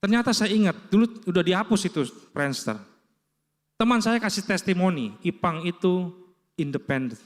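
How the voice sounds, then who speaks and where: A man's voice: sits high, lively intonation, moderate pace, big-room sound. A man preaching and telling a personal story, acting out the voices of others as he goes. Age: adult with children. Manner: storytelling, acts out quoted dialogue. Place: church hall.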